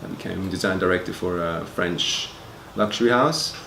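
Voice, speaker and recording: Gravelly Swiss-raised man, halting answers. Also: sits low, sharp tone. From Switzerland. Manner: hesitant, repeats words. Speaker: director of education at a fashion school. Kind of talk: interview answers. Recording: echoey room, faint noise.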